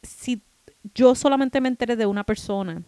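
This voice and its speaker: A woman co-hosting a casual podcast, telling stories chattily with halting restarts. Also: a little high, warm tone, smooth, no echo. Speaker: podcast co-host. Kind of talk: casual chat.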